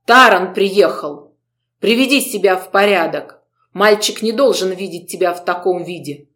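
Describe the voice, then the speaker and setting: A woman's voice: medium pitch, normal speed, fairly bright tone, close to an everyday voice. A woman reading the part of a haughty, stern vampire housemistress who speaks in cold, clipped commands. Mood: commanding.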